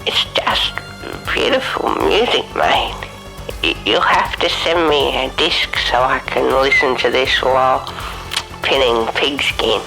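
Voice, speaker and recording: Doctor Swilcho, a man doing a gravelly pompous taxidermist. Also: medium pitch, lively intonation, a little slow, sharp tone, faint music behind, heavily acted, low-quality recording. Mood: fond. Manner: grandiose, self-important, calls people mate and lad.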